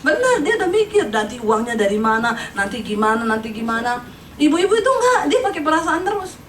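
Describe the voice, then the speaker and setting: A woman's voice: high-pitched, big pitch swings, fairly quick, a bit bright, a little hiss or hum. A woman pastor giving a humorous sermon, chatting with the congregation and acting out the people in her stories, laughing often. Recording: echoey hall, heard from a distance.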